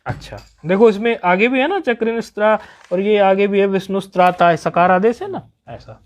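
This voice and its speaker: Guy explaining sanskrit grammar rules slowly, says stuff twice, keeps asking if you got it. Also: high voice. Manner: patient, repeats each point and checks understanding.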